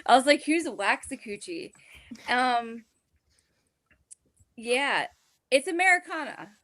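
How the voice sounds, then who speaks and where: A woman's voice: high-pitched, animated, extremely slow, long pauses, bright, forceful tone. A woman co-hosting a music podcast, giggly and self-deprecating in casual chat. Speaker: podcast co-host.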